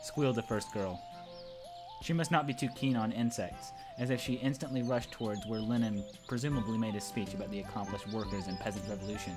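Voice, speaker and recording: Faint game music runs beneath a man's lowish, brisk voice as he narrates a let's play. He reads a visual novel aloud among friends in a casual way, tripping over the script from time to time.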